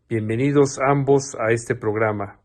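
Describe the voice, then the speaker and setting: A man's voice: mid-range voice, fairly even intonation, measured pace. A man with a Mexican accent, a show host giving a formal welcome and introduction.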